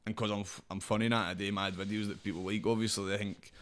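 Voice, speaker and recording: A man's voice: fairly low pitch, little pitch movement, fast talker. A man with a broad Scottish accent chatting casually as a guest, rambling in slang with plenty of swearing. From Scotland. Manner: rambling, slangy, frequent swearing and verbal tags. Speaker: podcast guest, social media comedy creator and wrestler.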